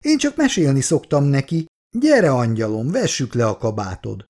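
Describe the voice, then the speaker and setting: A man voicing a soft-hearted, anxious grandmother who speaks in a soothing, pleading way. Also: medium pitch, huge pitch swings.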